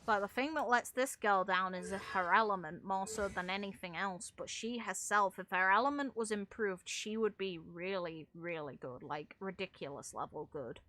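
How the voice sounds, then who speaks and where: A woman who makes gaming videos and streams offers casual, opinionated commentary on a game, blunt and informal with some mild swearing. Her mid-range voice has a sharp edge, moving at a moderate pace with few pauses, over slight background noise.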